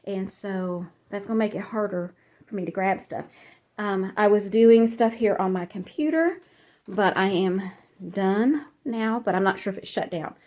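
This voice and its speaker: Walking from room to room through her cluttered home, a woman narrates a casual decluttering vlog, rambling and chatty, slightly out of breath and laughing at herself. Her voice is mid-range and a little mellow at a normal speed, with the highs cut off.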